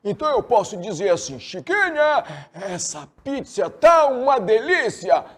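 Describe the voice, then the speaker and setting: A man's voice: sits high, sing-song, unhurried, heavily acted. A man voicing a mischievous young schoolboy in a playful classroom skit, talking in an exclaiming way. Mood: chatty.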